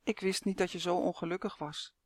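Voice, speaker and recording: A man reading aloud, voicing a kind, frail old woman of eighty who speaks calmly and soothingly. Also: sits high, brisk, no echo. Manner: calm, soothing, gently wise.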